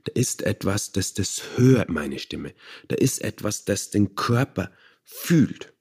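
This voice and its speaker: Male meditation teacher being interviewed, low, dark and husky voice, calm and searching for words. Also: slow pace. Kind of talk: interview conversation.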